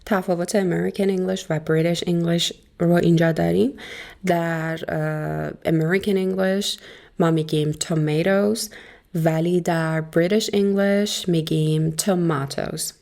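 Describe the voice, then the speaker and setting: A woman teacher giving a recorded video lesson, explaining in Persian and saying English words slowly and clearly. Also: on the low side, fairly even intonation, a little mellow.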